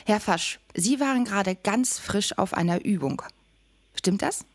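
A woman's voice: medium pitch, expressive, measured pace, no room sound. A woman hosting an interview podcast, asking questions and introducing guests. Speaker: podcast host.

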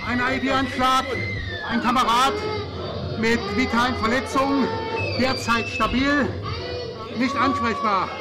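A soldier calls a terse, raised casualty report over a walkie-talkie during a training exercise. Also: male voice, very high voice, steady tone, unhurried, long pauses, loud music behind the voice, over a noisy crowd, poor audio.

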